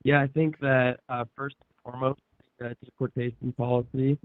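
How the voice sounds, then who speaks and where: A man's voice: medium pitch, flat delivery, normal speed, dry recording. Young man on a breaking-up phone line. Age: 20s. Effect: phone call breaking up, poor reception. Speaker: caller. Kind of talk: call-in political debate.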